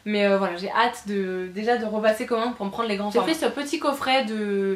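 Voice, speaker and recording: Gushing woman vlogger in an echoey room. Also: medium pitch. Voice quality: gushing, repeats words for emphasis, frequent hesitations. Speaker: beauty vlogger. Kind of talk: casual haul video chat.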